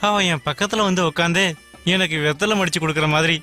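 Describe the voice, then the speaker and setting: A man's voice: on the high side, fast talker, bright, forceful tone. A man dubbing a chatty, lovestruck young man who rambles eagerly. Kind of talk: Tamil film dub. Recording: film soundtrack with faint music.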